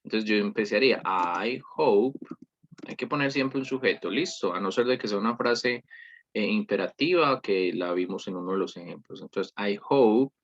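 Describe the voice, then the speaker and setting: Speaking fairly quickly at a fairly low pitch, a male English teacher goes over a workshop in a screen-recorded lesson review. The highs are cut off in the audio. He's patient, says "¿listo?" again and again, and often fixes his wording partway through a sentence.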